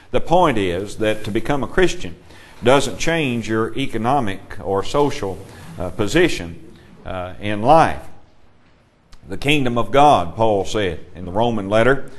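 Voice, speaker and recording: A man teaching a Bible class, emphatic and measured, putting questions to his students. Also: fairly low pitch.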